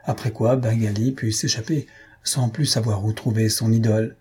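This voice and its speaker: A man reading a comic novel aloud as an audiobook narrator, in a measured storytelling manner. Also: fairly low pitch, steady tone, a little mellow, breathy edge.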